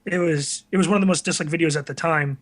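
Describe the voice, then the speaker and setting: With a quick pace and a steady tone, a man from the US tri-state area talks casually on a podcast as a guest. He's an online video creator, and his candid stories are self-deprecating. His voice is a little high and a bit bright.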